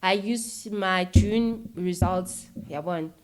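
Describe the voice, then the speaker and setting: A woman's voice: lowish voice, slow. A young South African woman, a filmmaker guest, telling stories in a casual chat and acting out other people's voices as she goes. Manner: animated, mixes English and isiZulu, acts out voices in anecdotes.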